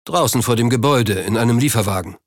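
A man voicing a gruff male crook with a rumbling voice, slow, coarse and threatening. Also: no echo, clean studio sound, lightly acted. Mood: smug. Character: gruff male London crook, menacing and blunt.

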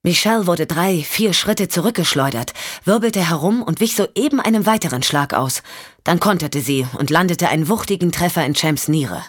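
A woman narrating a thriller audiobook in steady, measured storytelling. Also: fairly low pitch, no echo, studio quality.

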